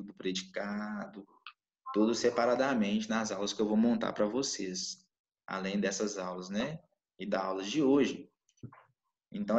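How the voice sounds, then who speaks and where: A Portuguese teacher runs a live online class, his voice on the low side with a darkish tone. As he explains, he keeps checking in with students using "né?" and "tá?". The mic sounds dull and lo-fi, and the room is echoey.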